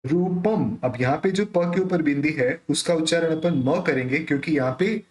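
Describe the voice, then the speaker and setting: A man with a Hindi accent teaching the pronunciation of devotional verses, explaining each sound and then reciting the lines in a slow, measured chant. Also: a little high, darkish tone. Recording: echoey room.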